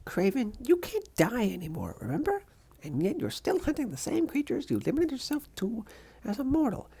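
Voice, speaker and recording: A woman voicing a brash, chirpy, earnest young female superhero with squirrel powers in a comic dub, in a bubbly, sassy, excitable way. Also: fairly high pitch, moderate pace, vocal fry, a little hiss or hum, heavily acted. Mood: earnest, persuasive.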